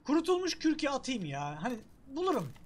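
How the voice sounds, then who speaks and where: A woman's voice: sits high, huge pitch swings, a little fast. A woman playing a game and talking to herself, swearing, joking and yelping when she gets hit. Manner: talks to herself, swears and jokes, yelps at hits. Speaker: gamer. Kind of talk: casual let's-play commentary.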